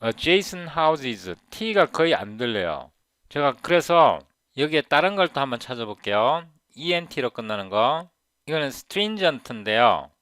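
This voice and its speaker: A man in his fifties explaining English pronunciation in a casual tutorial, repeating words slowly to show how they sound. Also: medium pitch, big pitch swings, fairly bright tone, no room sound. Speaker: software developer teaching English pronunciation. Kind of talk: casual screen-recorded tutorial.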